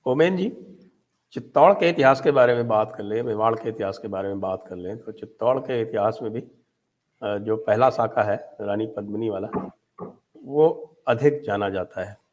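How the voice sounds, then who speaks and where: A man asking formal interview questions in a measured way. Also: on the low side, a little mellow.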